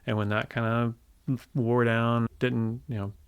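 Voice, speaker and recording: Here the Indiana tech co-founder, a man in his forties, has a medium-pitched, clear and resonant voice with no echo, speaking at a measured pace. As an interview guest he stays relaxed and reflective, with many restarts in his conversational answers.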